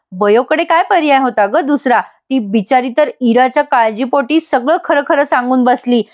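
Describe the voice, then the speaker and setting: A woman's voice: high-pitched, natural voice. A woman voicing an outspoken woman who lectures and scolds her sister-in-law, as a dramatic reading of serial dialogue. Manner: reproachful, lecturing.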